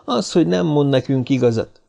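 A male narrator plays a large, stern man who calmly accuses a liar in a storybook. He speaks softly and flatly, with a gravelly rasp in the voice. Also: on the high side, pitched above the performer's own voice. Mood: cold. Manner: quiet, toneless, measured.

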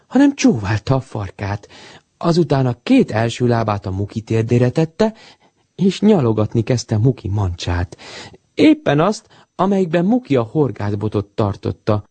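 A man reads a children's story aloud with plenty of expression and animation, his medium-pitched voice swinging widely up and down. His tone is warm and mellow with a slightly husky edge, and the recording is dry and close.

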